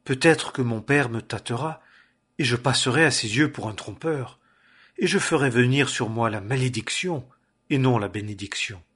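A man reading the lines of a cautious younger son in a measured way. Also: mid-range voice, fairly bright tone, slightly rough. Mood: earnest.

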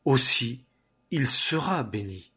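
A man reading the lines of an aged blind father in a solemn, measured way. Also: mid-range voice, expressive, sharp tone, husky, heavily acted. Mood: shaken.

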